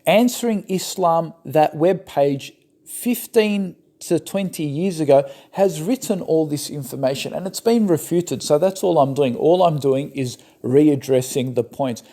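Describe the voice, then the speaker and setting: Gravelly argumentative man. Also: fairly high pitch, measured pace, mellow. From the West, Turkish background. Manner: argumentative, sarcastic. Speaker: religious commentator. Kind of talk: rebuttal commentary on clips.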